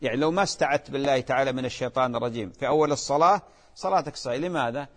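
A man's voice: medium pitch, racing, big-room sound. A man, a religious scholar patiently answering callers' questions on a call-in show. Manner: patient, reassuring, explanatory.

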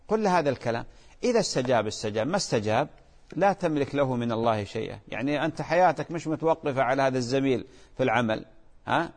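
A man's voice: medium pitch, long reverb tail. A man, a religious scholar patiently answering callers' questions on a call-in show. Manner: patient, reassuring, explanatory.

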